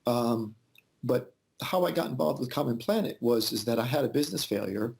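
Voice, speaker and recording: A man's voice: medium pitch, fairly quick, vocal fry, darkish tone. A man in his forties, born in Yugoslavia and raised in the United States, answering interview questions thoughtfully with frequent fillers and restarts over a video call. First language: Albanian. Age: 40s. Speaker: interview guest. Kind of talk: casual interview conversation.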